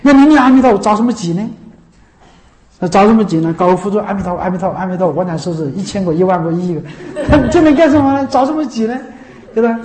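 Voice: mid-range voice, lively intonation, fast talker, a little mellow. A Buddhist monastic giving a dharma talk, repeating rhetorical questions, laughing now and then and chanting the Buddha's name. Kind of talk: dharma talk to a seated audience. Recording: echoey room.

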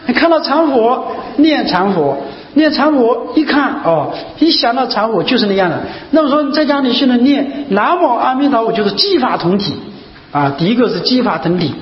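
A man giving a Buddhist dharma talk, asking his listeners rhetorical questions and repeating key phrases again and again. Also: very high-pitched. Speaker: Buddhist teacher. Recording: muffled, echoey hall recording with faint hiss.

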